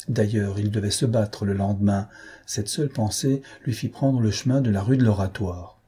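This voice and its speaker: A man narrating a novel as an audiobook reader, in a measured storytelling manner. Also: lowish voice, warm tone, slightly rough.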